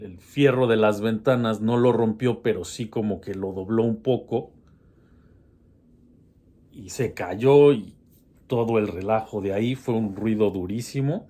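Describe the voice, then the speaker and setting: A man's voice: lowish voice, dark tone. A man telling a personal horror story in a casual, hesitant way, with many restarts.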